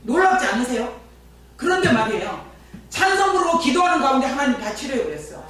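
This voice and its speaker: A woman's voice: high-pitched, quick pace, recorded from a distance. A woman pastor giving a sermon with personal testimony, telling stories and chatting with the congregation. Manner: lively storyteller who chats with the congregation. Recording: very echoey church from afar, faint hum.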